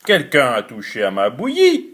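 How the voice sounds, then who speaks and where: A man voicing the big bear in a storybook reading, with a low, gruff voice. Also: huge pitch swings, a bit bright. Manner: low, gruff and rather quick.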